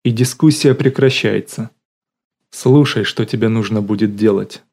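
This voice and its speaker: Man doing a sly young smooth-talker, dry teasing manner, audiobook, mellow dark tone. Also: fairly low pitch, moderate pace. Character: sly joking young man, smooth-talking con artist.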